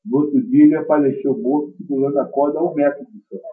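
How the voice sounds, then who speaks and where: A man giving a spiritist teaching talk, emphatic and swinging between loud stresses and quiet asides. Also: on the high side, steady tone, quick pace. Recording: dull lo-fi recording.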